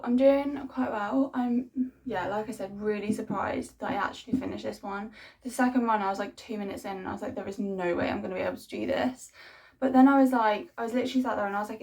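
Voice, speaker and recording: A woman's voice: fairly high pitch, a little mellow. A young adult woman talking casually to her video diary as a fitness vlogger, rambling informally and saying "like" and "honestly" a lot.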